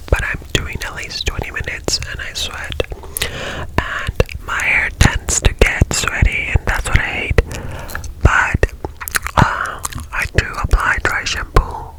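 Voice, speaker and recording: A woman whispering casual personal chat in a soft, rambling ASMR style into a handheld mic. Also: poor audio. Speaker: ASMR creator.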